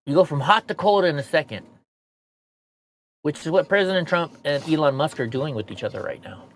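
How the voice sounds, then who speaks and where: A slightly high, animated male voice moves a bit fast with a fairly bright tone, over faint background noise on a rough recording. He's an American streamer and show host with missing front teeth, venting bluntly to his viewers in a casual, profane, rambling monologue full of swearing.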